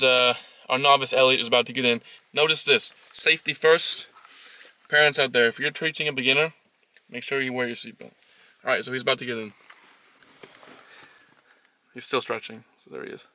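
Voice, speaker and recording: A man hosting a comedy vlog, explaining driving as a deadpan mock tutorial from inside a car. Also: medium pitch, brisk, pauses often, recorded from a distance, low-quality recording. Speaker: host.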